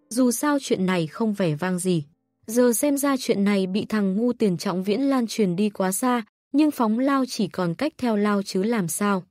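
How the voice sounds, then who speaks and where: A woman narrating an audiobook in a steady, even reading voice. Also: medium pitch, no room sound. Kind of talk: scripted narration.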